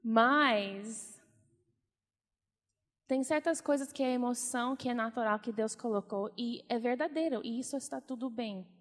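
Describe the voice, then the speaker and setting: A woman's voice: fairly high pitch, measured pace. Earnest woman preaching in a hall. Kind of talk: conversational sermon.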